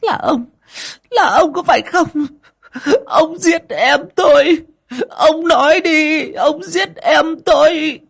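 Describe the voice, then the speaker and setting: A man's voice: extremely high pitch, slow pace, gravelly, a bit bright, pitched above the performer's own voice, full character voice. A man voicing a grieving older mistress of the house, crying and accusing. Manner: crying, pleading. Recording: echoey long reverb.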